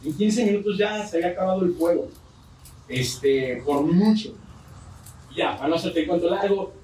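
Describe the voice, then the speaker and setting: A man's voice: high voice, darkish tone, a little hiss or hum. A man with a Mexican accent preaching a sermon, telling a story with joking asides. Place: church. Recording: roomy church hall from far off.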